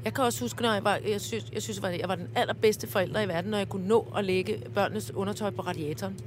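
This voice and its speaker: A woman co-hosting a podcast in casual chat, lively and sympathetic, reminiscing about her family, recorded on a train. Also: medium pitch, noisy background. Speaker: podcast co-host.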